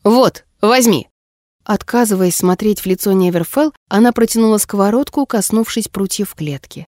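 A woman narrating a story in a measured, expressive audiobook reading. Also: medium pitch, no echo, studio quality.

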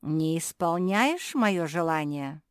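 A woman's voice: low-pitched, animated, takes it slowly, no echo, clean studio sound. A woman voicing a bossy, cruel self-made female queen who barks orders in a children's storybook reading. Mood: imperious. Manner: commanding, shouting orders.

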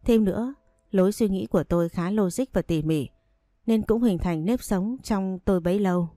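A woman calmly reading a first-person story aloud. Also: mid-range voice, moderate pace, no echo, clean studio sound.

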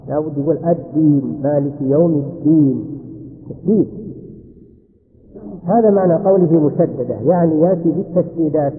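A man explaining a religious text in a lecture, reciting verses and dropping into colloquial asides. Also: a little high. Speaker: religious teacher. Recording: tinny old cassette lecture with long hall reverb.

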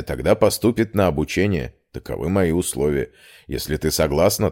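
A stern academy rector, curt and formal, played by a man reading an audiobook. His voice drops deep and low as he lays down his terms. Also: darkish tone, natural voice.

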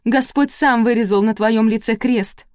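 A woman reading aloud, voicing a furious jealous farm wife who shouts threats. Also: on the high side, steady tone, normal speed, no echo, studio quality, close to an everyday voice.

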